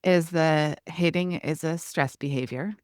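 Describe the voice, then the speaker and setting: A middle-aged woman talks through parenting advice in a relaxed interview, slipping into animated quoted asides. Her voice sits a little low for a woman. The sound is dry and close to the mic, with no room around it. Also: dry recording. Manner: animated, acts out parent-child exchanges in quick quoted asides. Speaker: parenting expert guest. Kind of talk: conversational interview.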